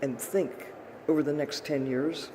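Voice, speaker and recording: Man, podium speech, very slow pace, emphatic short phrases, noisy live recording. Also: fairly high pitch, fairly even intonation. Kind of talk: podium speech, impassioned appeal.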